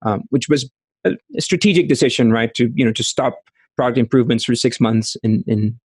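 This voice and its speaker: A man in his thirties from Costa Rica with a Costa Rican accent, answering interview questions over a video call, speaking haltingly with many restarts. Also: mid-range voice, a little mellow, breathy edge, no echo. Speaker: startup founder. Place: small room at home, indoors. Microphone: studio mic with headphones.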